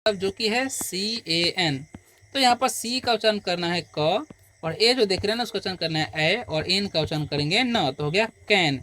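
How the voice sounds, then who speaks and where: A man's voice: high-pitched, moderate pace, sharp tone. Patient man drilling a beginner lesson. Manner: drills by asking and answering own questions; patient, repetitive explaining. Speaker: English teacher.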